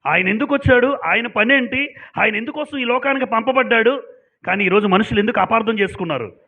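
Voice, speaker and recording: A man's voice: very high-pitched, fast talker, gravelly. A man preaching a sermon to a congregation, emphatic and asking them pointed questions. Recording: dull lo-fi sound.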